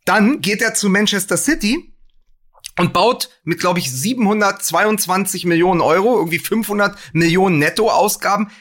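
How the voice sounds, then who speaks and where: A man co-hosting a football podcast, talking in an animated, opinionated way and sometimes acting out what coaches say. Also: high-pitched, moderate pace. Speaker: podcast co-host. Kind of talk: casual football chat.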